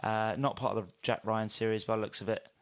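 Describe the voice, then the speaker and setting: A man's voice: lowish voice, fairly even intonation, fast. A man hosting a casual podcast, reading out film news in a chatty, hesitant way with many fillers. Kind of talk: casual chat.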